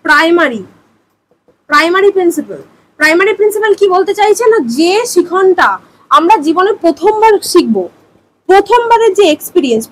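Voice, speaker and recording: Young woman teacher, very high voice, rapid lecture, rhetorical questions, faint background hiss. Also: rough recording. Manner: explains with many everyday examples and rhetorical questions; mixes English terms into her explanations. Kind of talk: exam-prep lecture.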